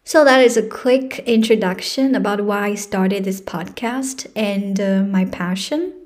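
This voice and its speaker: A young woman from China, speaking with a Chinese accent, hosts her own casual solo podcast in an earnest way, full of fillers and restarts. Her voice is mid-range and a little mellow, and she speaks unhurriedly.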